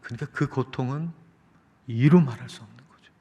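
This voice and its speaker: A man's voice: mid-range voice, warm tone, husky. A man preaching a sermon as pastor, earnestly explaining and raising his voice when he quotes the cries of Jesus. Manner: earnest preaching, voice rising on quoted cries, slow drawn-out singing. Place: church sanctuary. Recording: long church reverb.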